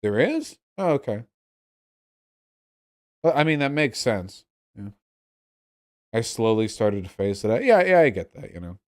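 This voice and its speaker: A man's voice: mid-range voice, big pitch swings, a little slow, long pauses, darkish tone. A young man rambling casually to a livestream chat, sounding drunk, repeating and restarting his phrases. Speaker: livestream host answering chat.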